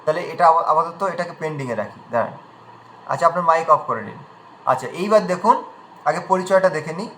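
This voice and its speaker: A man's voice: on the high side, animated, quick pace, sharp tone, echoey room, slight background noise, rough recording. A man teaching pronunciation in an online class, patiently demonstrating sounds one at a time.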